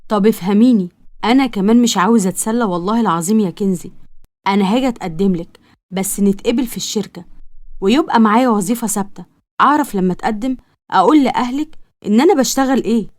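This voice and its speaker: A woman's voice: medium pitch, fast, close to an everyday voice. A woman with an Egyptian accent voicing an earnest young man who courts a girl, pleading and reassuring. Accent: Egyptian Arabic.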